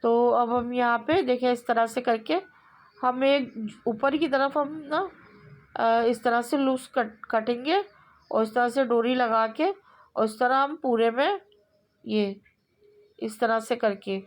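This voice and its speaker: A woman explaining kurti neck stitching step by step in a relaxed, repetitive way, pausing often with fillers. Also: fairly high pitch. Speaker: sewing instructor. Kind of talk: step-by-step tailoring tutorial.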